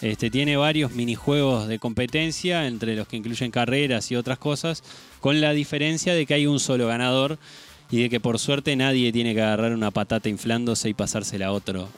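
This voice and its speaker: A man co-hosts a casual gaming news chat, his voice sitting at a middle pitch. He explains and adds commentary in a conversational way. Faint music plays underneath. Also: normal speed.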